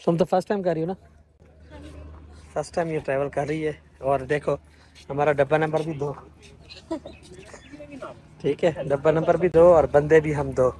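A man's voice: a little high, steady tone, moderate pace, pauses often, warm tone, low-quality recording. Chatty Pakistani man vlogging at a station. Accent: Pakistani Urdu. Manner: chatty, teasing, narrates as he films. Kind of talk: casual travel vlog. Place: railway station platform and train, outdoors.

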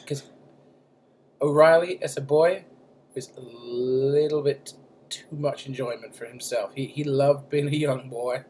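A man's voice: mid-range voice, steady tone, a little slow, darkish tone, a little hiss or hum. A man co-hosting a podcast, talking casually, joking crudely and laughing often. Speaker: podcast co-host.

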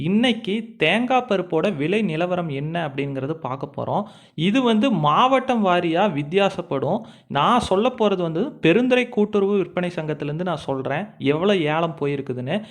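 A man's voice: high-pitched, animated, a little fast. A man giving an informal, explanatory market price report as a channel host.

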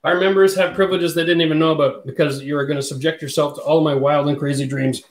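Talking at a quick pace, a man in his forties with a high-leaning voice and fairly even intonation hosts a casual livestream, chatting and reading viewer comments aloud. His home studio room sounds echoey, and he's on a boom-arm studio mic.

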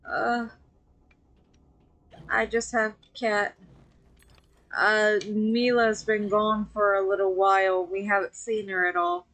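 A VTuber streamer plays a video game and chats casually with friends in a slow, level, mid-range voice that's a bit bright. She pauses often, laughs a lot and trails off with fillers during her gameplay commentary.

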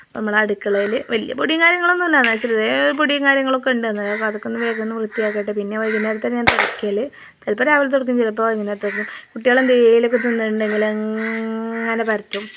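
Fast-talking woman vlogger. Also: a little high, fairly even intonation, background noise. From Kerala, India. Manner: chatty and homely, addresses viewers directly. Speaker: family vlogger. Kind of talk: casual voice-over narration of a home vlog.

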